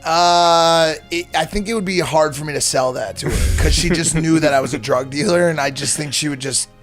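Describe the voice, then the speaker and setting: A man co-hosting a podcast in casual chat, teasing and quick to joke and ask questions. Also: a little high, fairly bright tone, soft background music.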